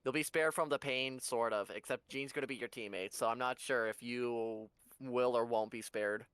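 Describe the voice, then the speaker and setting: Young man, sim race co-commentator, smooth voice, dry close sound, joking asides. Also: mid-range voice, fairly even intonation, normal speed, fairly bright tone, dry recording. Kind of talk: casual sim racing commentary.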